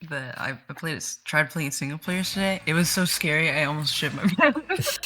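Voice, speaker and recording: A young adult co-host chatting casually on a game stream, easygoing and quick to giggle. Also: medium pitch, big pitch swings, bright, forceful tone.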